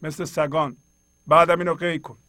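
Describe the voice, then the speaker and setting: A middle-aged man gives a spiritual lesson, reading lines of poetry and explaining them in plain everyday speech. His voice sits a little high for a man. He urges his listeners directly and earnestly, and the sound is close and dry, with no room echo. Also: level tone, bright, forceful tone. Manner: earnest, exhorting, speaks straight to listeners; colloquial, reads and explains verses. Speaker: host.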